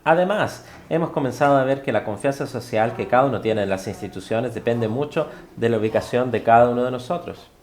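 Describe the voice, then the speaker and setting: A man relays a university lecture in spoken interpretation, mid-pitched and halting. He leans on fillers and corrects himself mid-phrase. The sound carries a roomy echo. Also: darkish tone.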